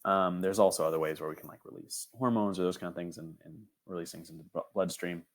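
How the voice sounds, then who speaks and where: A young man with a deep, low-pitched voice leads an online robotics lesson. He talks casually, with plenty of "um"s, and keeps checking in with his students by asking "right?". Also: fairly even intonation, quick pace. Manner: casual, filler-heavy, frequent "right?" checks. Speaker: teacher.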